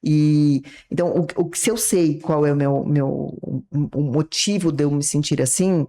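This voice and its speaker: A woman's voice: deep voice, measured pace, warm tone. A woman with a Brazilian Portuguese accent, a psychiatrist guest explaining ideas in an interview and acting out short example dialogues. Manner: didactic, acts out little dialogues from examples.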